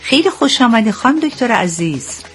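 A woman's voice: on the high side, big pitch swings, faint music behind. A woman hosting a radio show, presenting in a polite, formal way. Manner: polite and courteous.

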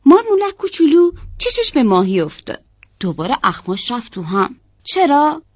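Animated woman telling a children's story. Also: high-pitched, dry recording, studio quality. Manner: animated, asks children questions.

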